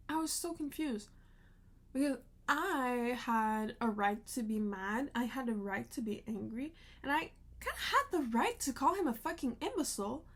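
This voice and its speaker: A woman with a slightly high voice talks at an unhurried pace, venting frustration. She tells a storytime vlog emotionally and swears freely along the way. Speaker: vlogger.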